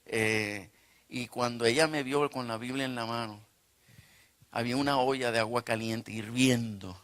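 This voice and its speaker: Male preacher, animated storyteller in a sermon, bright and forceful voice. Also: mid-range voice, normal speed, smooth. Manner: animated, acts out dialogue. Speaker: pastor.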